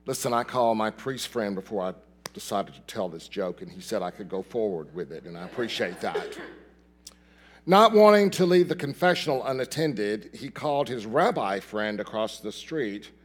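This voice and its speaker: A male minister speaking in a church sanctuary, in a middle-pitched voice. He tells a joke and teases the congregation in friendly asides before settling into his sermon. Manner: chatty, teasing asides to the congregation.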